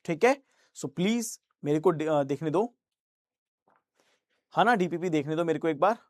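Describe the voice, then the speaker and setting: A man's voice: on the high side, expressive, normal speed, darkish tone, no echo, studio quality. A man teaching an online reasoning class, answering students' chat questions in a reassuring, coaxing way and slipping English phrases into his talk.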